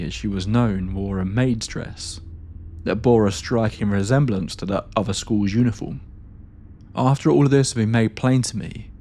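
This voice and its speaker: A man narrating a first-person ghost story in a steady, measured reading style. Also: fairly low pitch.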